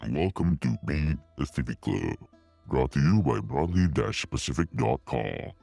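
A man runs his voice through a voice changer that pushes it down to an extremely deep, gravelly rumble. The tone is dark and mellow, with wide swoops in pitch as he opens the show in a mock announcer manner. The sound is dry and close. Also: very animated, moderate pace, no echo, faint music behind, full character voice. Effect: voice changer lowering the voice. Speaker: podcast host. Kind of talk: podcast intro.

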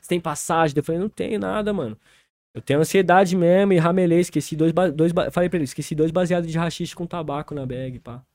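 A young man with a relaxed São Paulo accent spins a story in heavy street slang, laughing as he goes. His voice sits a touch high for a man and sounds dry, close to the mic. He keeps things easygoing and acts out the people in the story. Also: quick pace, no echo. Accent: São Paulo Brazilian Portuguese. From interior of São Paulo state, Brazil. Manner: laid-back, laughs through the story, acts out other people's lines. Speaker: rapper guest.

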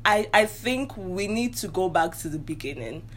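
A young woman co-hosting a casual podcast, playful and quick to laugh. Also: mid-range voice, animated. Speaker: podcast co-host. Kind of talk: casual chat.

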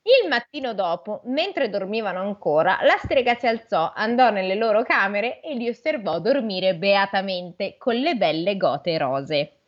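A woman's voice: medium pitch, animated, unhurried, few pauses, muffled recording. A woman reading a fairy tale aloud in a podcast, breaking off to joke and quiz her co-host playfully.

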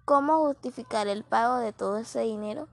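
A woman's voice: on the high side, brisk, vocal fry, no echo. A woman voicing a bold young woman who questions everything in a read-aloud story. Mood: challenging.

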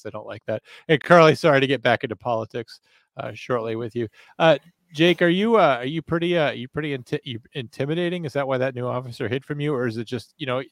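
A man's voice: medium pitch, no room sound. A man in his thirties hosting a casual podcast, rambling and teasing his guests with jokey questions. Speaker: podcast host.

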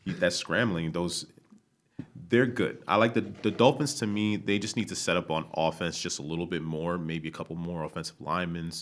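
A man with a very deep, low voice talks football in a loose, easygoing way. He leans heavily on "you know" and drops a casual swear now and then, like a fan arguing with a friend. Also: fairly even intonation, moderate pace. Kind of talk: casual sports chat.

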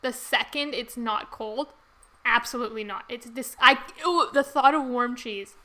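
Young woman co-host, bright and fairly high voice, bubbly, giggly chat. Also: measured pace. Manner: bubbly, giggly, lots of fillers. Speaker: podcast co-host. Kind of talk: casual chat.

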